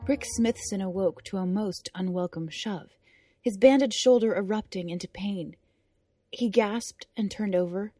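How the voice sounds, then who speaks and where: A woman narrating a chapter of a serialized fantasy story podcast with expressive storytelling. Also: medium pitch, dry recording, studio quality. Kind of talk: audiobook narration.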